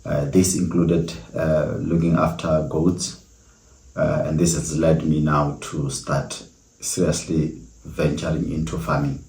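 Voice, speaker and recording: Very deep, flat-voiced South African man. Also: gravelly. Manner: earnest, reflective storytelling with many pauses. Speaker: podcast host. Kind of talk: solo podcast monologue. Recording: echoey room.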